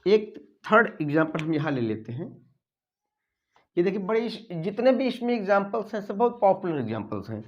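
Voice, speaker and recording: A man's voice: sits high, big pitch swings, muffled recording. A man teaching an exam-prep grammar lesson, asking the class questions, repeating his points and dictating English words letter by letter. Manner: explains slowly, dictating English words and spelling them out letter by letter.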